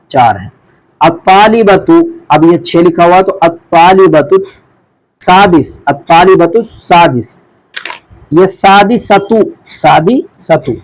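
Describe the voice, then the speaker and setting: A man's voice: fairly high pitch, rough recording. A man teaching an Arabic lesson, reading each phrase aloud and then translating it. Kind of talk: classroom lesson explaining Arabic.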